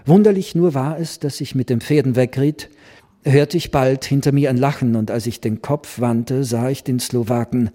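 Mellow-voiced man reading a classic novella. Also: medium pitch, moderate pace. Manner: expressive, voices the characters. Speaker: reader. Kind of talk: literary reading with acted dialogue.

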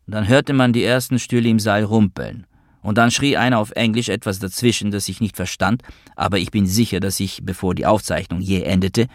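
A man reading a first-person novel as an audiobook in a measured, wry way. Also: lowish voice, dry recording, clean studio sound. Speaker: narrator.

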